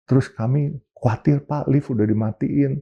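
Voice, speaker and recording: A man's voice: medium pitch, normal speed, vocal fry, warm tone, breathy edge, highs cut off. A man voicing a frightened friend who sobs while reporting that a mob has surrounded him. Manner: sobbing, urgent reporting. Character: frightened man trapped in apartment, pleading.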